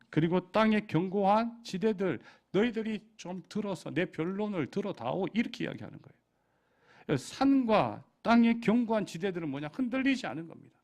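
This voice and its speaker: A male pastor preaching a sermon with passion, moving from quiet asides to loud, pleading cries. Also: sits high.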